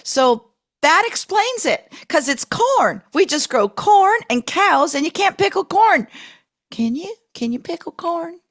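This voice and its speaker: A woman's voice: extremely high pitch, sing-song, measured pace, a bit bright, heavily acted. A woman improvising a rambling guest who brags about pickling in a put-on Texas accent. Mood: folksy boasting. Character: boastful fake-Texan woman pickling expert. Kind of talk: improvised comedy podcast interview.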